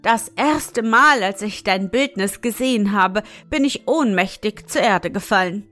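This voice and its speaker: Frau als stolzer junger König, nachdrücklich. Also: female voice, medium pitch, a little slow, a bit bright, faint music behind, close to an everyday voice. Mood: earnest. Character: proud young king, earnest and lovestruck.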